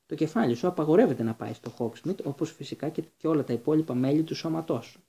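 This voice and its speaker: A man's voice: a little high, gravelly, mellow. A man reading aloud and voicing a stern, sneering male professor who interrogates coldly. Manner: sardonic, interrogating.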